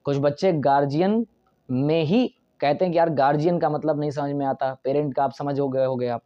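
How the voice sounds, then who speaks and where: A man's voice: fairly high pitch, brisk, muffled recording. A male English grammar teacher gives a classroom lecture in Hindi mixed with English terms and keeps checking whether the students understand.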